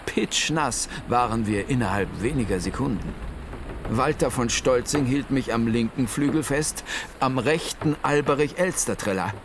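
A man voicing an old male owl who tells his own adventure in a playful, lively children's audiobook style. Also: medium pitch, normal speed, background noise, natural voice. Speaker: first-person storyteller. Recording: music playing under the voice. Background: music.

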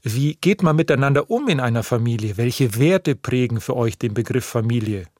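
A man narrates his podcast from a studio, and the sound is close and dry. He talks directly to the listeners in a relaxed, chatty tone. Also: medium pitch, moderate pace, dry recording. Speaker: podcast host. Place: recording studio.

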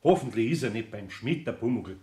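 A man playing a gentle old Bavarian carpenter. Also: medium pitch, expressive, close to an everyday voice. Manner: slow, soft-spoken, coaxing. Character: kindly old master carpenter, gentle and patient. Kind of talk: radio play acting. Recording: roomy studio recording.

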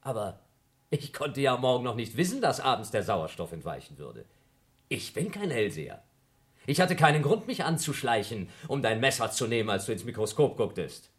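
An actor in a radio play playing a paranoid scientist who coldly accuses his crewmate and then rises to shouts. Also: medium pitch, sing-song, normal speed. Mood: cold accusing. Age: younger than Mills. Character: Blob, paranoid scientist man feuding with crewmate. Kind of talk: German radio play acting.

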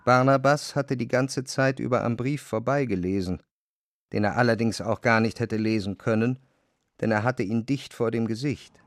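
A man narrating a literary radio drama in a measured storytelling voice. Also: medium pitch, dry recording.

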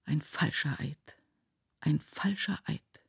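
A woman's voice: on the low side, big pitch swings, unhurried, mellow, slightly rough, no echo, clean studio sound, pitched above the performer's own voice, exaggerated voice. A woman reading aloud, voicing an anguished, poor widowed village mother who speaks urgently and vehemently.

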